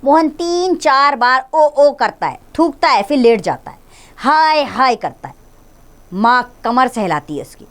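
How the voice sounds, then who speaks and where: A woman's voice: high-pitched, big pitch swings, unhurried, a bit bright. A woman teacher reading a textbook play aloud and explaining it to children. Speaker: school teacher.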